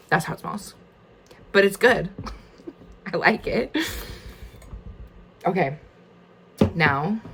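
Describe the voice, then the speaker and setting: Hosting a casual, chatty wine tasting, a woman with a low-pitched voice talks informally, thinking aloud in a tentative, conversational way. Slight background noise can be heard.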